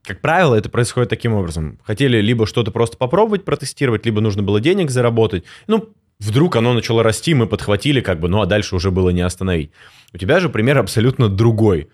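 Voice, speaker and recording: A man's voice: on the low side, expressive, racing, a little mellow. A man hosting an interview, asking long, engaged questions in a casual way. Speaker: interviewer, host.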